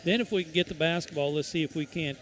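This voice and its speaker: A man giving casual color commentary on a high school basketball game, rambling and folksy with many fillers and restarts. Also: fast, a bit bright, soft background music.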